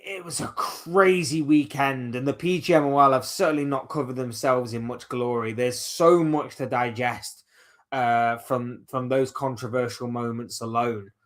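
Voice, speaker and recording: A man's voice: medium pitch, a bit bright. A man hosting a casual solo football chat, rambling and opinionated, reeling off players one by one. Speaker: football channel host.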